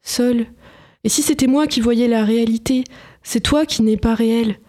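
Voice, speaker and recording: A woman's voice: fairly high pitch, moderate pace, mellow, voice pushed up, lightly acted. A woman reading the lines of a young male painter who sees butterflies that are not there. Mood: frightened.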